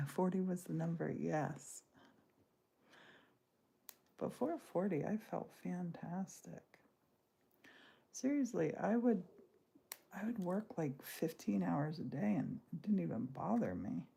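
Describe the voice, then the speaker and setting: A woman's voice: on the low side, animated, slow, gravelly, pauses often, warm tone, husky. A woman in her sixties chatting casually and rambling while crafting during a livestream from her home studio. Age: 60s. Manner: chatty, rambling, self-interrupting. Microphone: livestream device mic.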